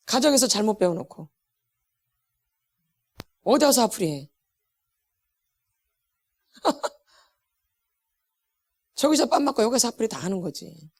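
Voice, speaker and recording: A middle-aged woman teaching a church healing class, with an animated, emphatic delivery that repeats words for stress and laughs between lines. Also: fairly high pitch, slow pace, long pauses, slightly rough. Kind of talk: church lecture.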